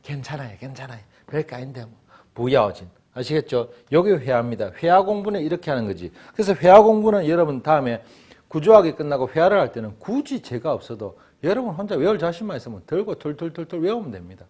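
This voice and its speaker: A man teaching Chinese in a joking, animated lecture style. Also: on the high side, fast talker. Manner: animated, joking, acts out little scenes. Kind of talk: lively classroom lecture.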